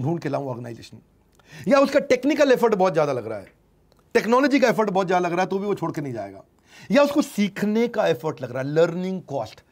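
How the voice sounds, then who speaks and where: Man, business lecture, emphatic, fairly high voice. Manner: lively, emphatic, acts out customer lines. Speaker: business teacher. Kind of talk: informal lecture.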